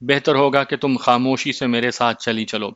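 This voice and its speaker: A man's voice: mid-range voice, fairly even intonation, fairly bright tone, no echo, muffled recording, lightly acted. A man doing a menacing jinn in cat form. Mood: angry. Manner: stubborn, threatening.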